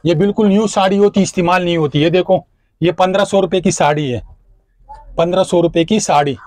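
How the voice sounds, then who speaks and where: A man, a shopkeeper showing clothes and briskly repeating prices on a lapel mic in a crowded market shop. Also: high-pitched, darkish tone, no room sound. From Pakistan. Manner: brisk, repetitive price listing. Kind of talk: showing goods and quoting prices.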